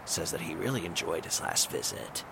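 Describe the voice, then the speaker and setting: A man voicing a sly male wizard in a tabletop game, speaking in a drawling, gravelly manner with coy hints. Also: low-pitched, moderate pace, noisy background.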